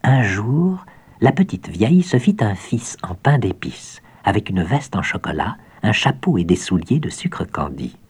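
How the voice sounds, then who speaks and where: A man narrating a children's storybook in a gentle, expressive read-aloud voice. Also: on the low side, a little hiss or hum.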